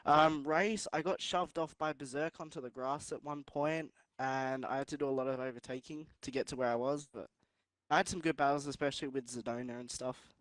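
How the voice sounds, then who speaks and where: Smooth-voiced modest young male racer. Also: mid-range voice, fairly even intonation, fairly quick, fairly bright tone, no echo. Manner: modest, hesitant with fillers. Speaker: race winner guest. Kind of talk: casual interview answers.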